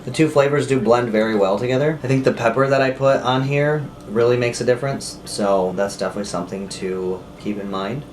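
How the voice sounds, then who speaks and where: A man's voice: mid-range voice, fairly even intonation, a little fast, few pauses, a little mellow. A man hosting a casual food review, talking informally to camera and often asking himself questions as he goes. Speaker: host of a food review video. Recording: clearly noisy home recording.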